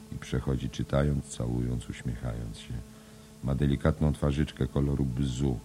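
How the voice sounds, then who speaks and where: A man reading a novel written as a play, measured and even, reading the stage directions aloud. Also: extremely low pitch, slight background noise. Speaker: audiobook reader. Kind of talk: scripted narration of a play-like novel.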